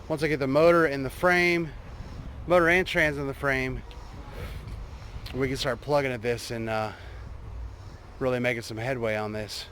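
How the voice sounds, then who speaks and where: A man talking casually and unscripted to his vlog viewers, rambling and halting as he thinks, outdoors in a driveway. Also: mid-range voice, fairly bright tone, slight background noise. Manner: rambling, halting, trailing off mid-thought. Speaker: vlogger showing a truck build.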